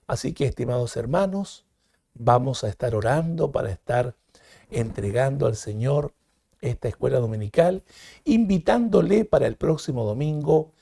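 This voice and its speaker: A man's voice: creaky, warm tone, slightly rough, no echo, clean studio sound. Peruvian man leading call-and-response Sunday school. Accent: Peruvian Spanish. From Peru. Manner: leads repetition drills, jumps high on counts; addresses listeners as "hermanos".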